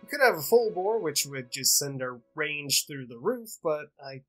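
A man's voice: a little high, very animated, moderate pace, fairly bright tone, husky, faint music behind. A young man with a stuffy nose giving casual, joking commentary while playing a game. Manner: chatty, joking, talks to the game. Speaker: gaming YouTuber.

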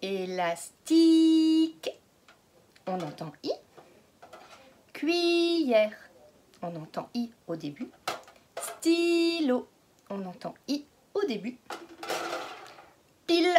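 A woman teaching a phonics lesson to young children, stretching out each word slowly and patiently asking questions. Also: fairly low pitch, very animated, darkish tone, a little hiss or hum. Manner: slow, exaggerated word pronunciation. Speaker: kindergarten teacher.

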